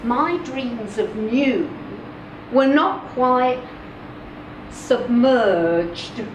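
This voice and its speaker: This is a live, dramatic reading of a first-person short story by a woman whose voice is high and expressive. She speaks deliberately with measured pauses, captured from afar in an echoey space where background noise is clearly audible.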